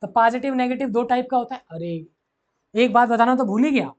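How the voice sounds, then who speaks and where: A man's voice: very high voice, brisk. A man teaching physics to school students, who repeats key phrases and keeps asking the class questions. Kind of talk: classroom lecture mixing Hindi and English.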